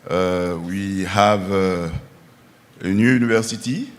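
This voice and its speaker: Slow, careful English from an Ivorian man. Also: low voice. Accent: Ivorian French. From Côte d'Ivoire. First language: French. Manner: careful, halting English, slipping into French. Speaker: university representative speaking at a congress. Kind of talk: improvised formal address.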